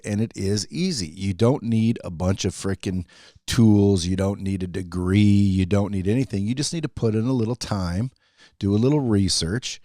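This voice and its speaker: A brash man hosts a casual podcast. He hypes up his guest and swears easily. His voice sits somewhat low, in a dry, close recording. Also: warm tone, dry recording. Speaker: podcast host.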